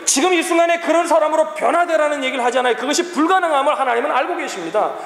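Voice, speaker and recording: High-voiced preacher in an echoing hall. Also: male voice, lively intonation, racing, creaky, fairly bright tone. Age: 40s. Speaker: pastor. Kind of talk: sermon. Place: large church hall. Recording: echoey hall, long reverb.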